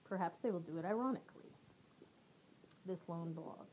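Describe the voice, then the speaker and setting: A woman in her forties reading her own personal essay aloud with a wry, deadpan delivery. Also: lowish voice, moderate pace, slight background noise. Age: 40s.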